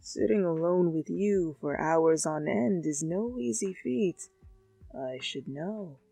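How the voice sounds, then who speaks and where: A woman voicing a sly, calm old uncle in a fan fiction reading, teasing in a slow, measured way. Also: lowish voice, vocal fry, breathy edge, no room sound, faint music behind, full character voice.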